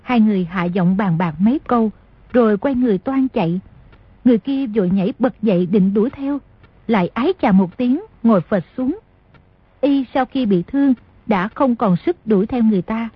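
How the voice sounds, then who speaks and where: A woman narrating an audiobook in a steady storytelling manner. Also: fairly high pitch, moderate pace, slightly rough, dry recording. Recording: dull lo-fi dry recording.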